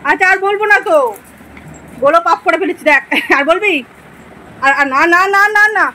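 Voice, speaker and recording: A woman's voice: extremely high pitch, fairly quick, sharp tone, low-quality recording. A woman at home, coaxing and scolding her pets in baby talk. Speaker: pet owner vlogger.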